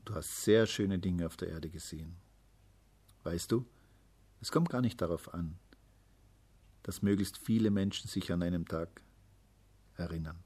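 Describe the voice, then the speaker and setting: A man voicing a gentle mother who speaks in a soft, soothing way. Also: deep voice, measured pace, long pauses, husky. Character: gentle comforting mother day.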